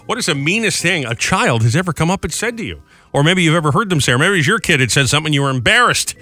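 A man works as a smooth radio host, chatting in an animated, upbeat way. His voice is slightly high and bright, and he talks fast in a dry, close studio sound. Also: no echo.

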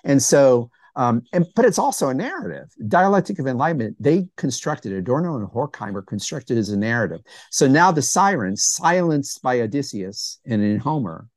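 A man's voice: medium pitch, sing-song, normal speed, few pauses, no room sound. A man co-hosting a philosophy podcast, talking casually and enthusiastically, eager to jump in. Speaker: podcast co-host.

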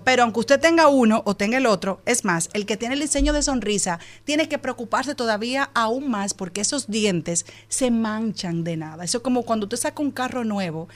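A woman, a co-host who gives beauty tips in a relaxed, measured way. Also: on the high side. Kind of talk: radio talk show segment.

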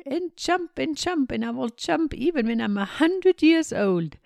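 A woman's voice: high-pitched, lively intonation, a little slow, vocal fry, darkish tone, no echo, studio quality, pitched above the performer's own voice, full character voice. A woman voicing an eager, bouncy young squirrel in a storybook reading, in a pleading way. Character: bouncy thirteen-year-old squirrel, eager.

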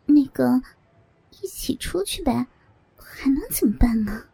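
A woman voicing a bold young woman who teases in a half-whispered, husky voice. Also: high voice, lively intonation, moderate pace, warm tone, heavily acted. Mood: feigned calm.

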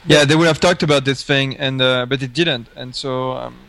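A man's voice: mid-range voice, fairly even intonation, moderate pace, fairly bright tone. A man speaking hesitantly as a panelist in a casual podcast chat, on an unsteady online call.

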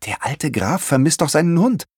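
A man's voice: a little high, normal speed, husky, no room sound, clean studio sound, voice pushed up. A man doing a keen young boy. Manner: keen, excitable childlike delivery. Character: young boy, clever and enthusiastic.

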